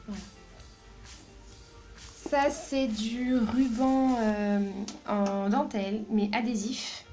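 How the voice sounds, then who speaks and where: A chatty woman presents craft supplies in a casual, giggly way, often pausing on fillers. Her voice sits fairly high. Faint music plays behind her. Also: fairly even intonation, dark tone. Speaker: craft video host. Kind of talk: casual craft haul and tutorial chat.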